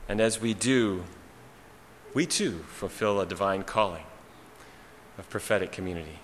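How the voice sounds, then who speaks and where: A pastor preaching a sermon in a church sanctuary, with a slow, rhythmic delivery built on repeated refrains and dramatic pauses. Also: male voice, low-pitched, slight background noise. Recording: hall reverb, faint ambience.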